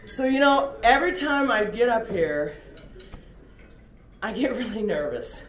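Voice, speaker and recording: This time the Oklahoma woman's voice is on the high side, swinging widely in pitch as she talks a bit slowly, with slight background noise. Middle-aged, she gives a candid, self-deprecating testimony to a recovery meeting in a roomy, echoing hall.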